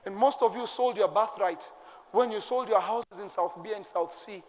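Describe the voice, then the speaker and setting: A middle-aged Kenyan pastor preaches with fervour, his voice sitting high for a man. He swings into sudden shouted bursts to drive his points home. His words ring out with a long reverb that fills the church hall. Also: normal speed. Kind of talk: sermon. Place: church sanctuary.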